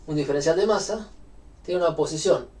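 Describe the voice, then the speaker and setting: A man's voice: a little high, brisk, a little mellow, far from the mic. A man with a Rioplatense Spanish accent giving a university physics lecture, explaining step by step with frequent fillers.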